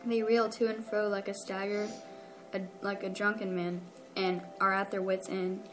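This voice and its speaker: A woman co-host reading a long scripture passage aloud in a steady, even way. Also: medium pitch, moderate pace, over music, rough recording.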